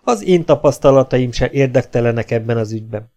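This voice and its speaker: A man's voice: medium pitch, animated, a little mellow. A man reading an audiobook aloud, narrating in a dry, wry first-person manner. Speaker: audiobook reader.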